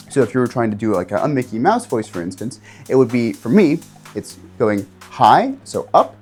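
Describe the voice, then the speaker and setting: A man, a game master, teaching tabletop players how to do voices in a casual instructional video, jumping his pitch up and down to demonstrate. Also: moderate pace, faint music behind. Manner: animated, jumps pitch up and down to demonstrate.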